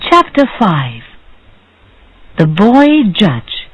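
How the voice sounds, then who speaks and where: A woman reads a story for English learners at a slow, deliberate pace, her pitch rising and falling in a lively way. The sound is very dry and close. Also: slightly rough, dry recording, highs cut off. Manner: expressive, deliberate. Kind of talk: slow, clear story reading.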